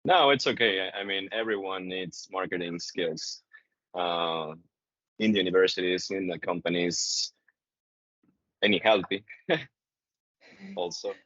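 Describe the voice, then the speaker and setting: A man's voice: low voice, lively intonation, measured pace, pauses often, a bit bright, dry recording. A man hosting a webinar over a video call, talking casually and hesitantly with many fillers and repeated phrases. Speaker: webinar host. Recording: dry, slightly dull online call audio.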